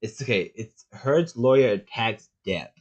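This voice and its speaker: A man's voice: medium pitch, expressive, a little slow, dull audio. A man co-hosting a casual podcast, rambling and restarting his sentences, with sarcastic asides. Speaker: podcast co-host.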